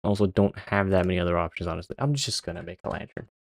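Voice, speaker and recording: A man's voice: deep voice, fast talker, vocal fry, no room sound. Young man, dry casual streamer. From Sweden. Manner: swears a lot and laughs at his own jokes. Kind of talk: casual gaming stream chat.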